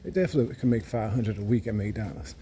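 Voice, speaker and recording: A man's voice: fairly low pitch, quick pace, dark tone, slight background noise. Rambling, boastful man in his thirties. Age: 30s. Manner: rambling, boastful, repeats himself. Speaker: vlogger. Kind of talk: casual monologue.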